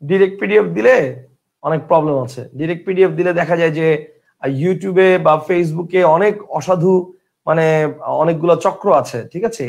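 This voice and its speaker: High-pitched gravelly male teacher. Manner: repeats questions, checks understanding often; reads out viewer comments and replies. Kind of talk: online Bengali grammar class.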